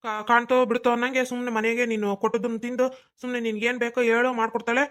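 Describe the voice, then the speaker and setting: A harried village husband stuck between his wife and his mother in a cartoon comedy, as a woman voices him. He talks fast and high, pleading and scolding in a North Karnataka Kannada accent. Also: little pitch movement, close to an everyday voice. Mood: placating. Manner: exasperated pleading.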